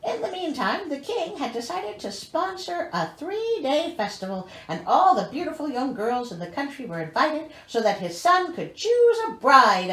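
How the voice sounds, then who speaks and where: The storybook host, a woman whose voice is on the high side and a bit bright, reads the fairy tale dramatically while adding incredulous, sarcastic commentary. The recording has an echoey room sound.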